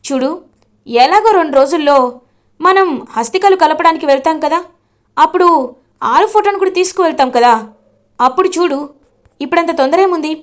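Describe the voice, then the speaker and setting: A stern man gives orders and demands answers, firm and direct. A woman narrator reads his lines in her own high voice. Her delivery stays plain, with little change for the role. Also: moderate pace, pauses often. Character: stern officer husband, firm and commanding.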